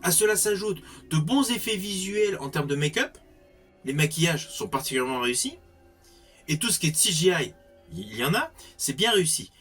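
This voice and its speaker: A man's voice: on the high side, very animated, a little fast, a bit bright, soft background music. A man giving a spoken film review in an articulate way with formal wording.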